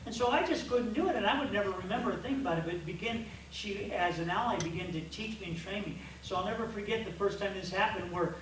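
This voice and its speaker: A man coaching a group of men, telling stories in an animated way that keeps restarting. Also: sits high, fast, few pauses, noisy background. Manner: storytelling, animated and repetitive, with restarts. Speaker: men's coach. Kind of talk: church coaching talk to men. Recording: echoey hall from far off.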